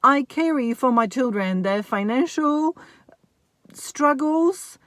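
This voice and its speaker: A woman's voice: high-pitched, expressive, slow, dry recording. A woman who is a mother of four, talking to camera in a casual, reflective monologue and often checking in with "right?". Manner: musing, often asks "right?" and says "like, you know".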